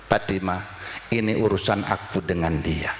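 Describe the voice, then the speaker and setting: A man preaching, voicing a calm, ailing elderly leader who speaks softly and firmly. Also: unhurried, close to an everyday voice. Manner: low quiet firm words. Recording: echoey hall with faint noise.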